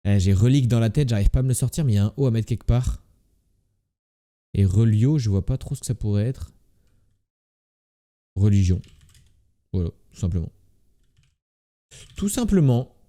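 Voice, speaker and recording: A man's voice: on the low side, expressive, moderate pace, pauses often, dark tone. A man with a slight lisp on his s sounds, doing casual live game commentary as a streamer and muttering repeated word guesses to himself.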